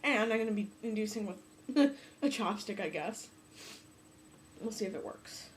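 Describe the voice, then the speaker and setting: A woman's voice: mid-range voice, lively intonation, normal speed, a little hiss or hum. A young woman with a stuffy nose, chatting casually and apologetically to her viewers from home, with lots of fillers. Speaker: vlogger. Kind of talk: casual talk to camera. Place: home room, off camera.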